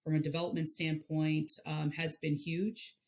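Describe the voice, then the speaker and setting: A woman in her forties from Hawaii talks as a softball coach on an interview podcast. Her voice is very low, and she speaks earnestly, often stumbling and repeating words as she gathers her thoughts. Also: little pitch movement, normal speed. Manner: earnest, repeats words while searching for them. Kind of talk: interview guest.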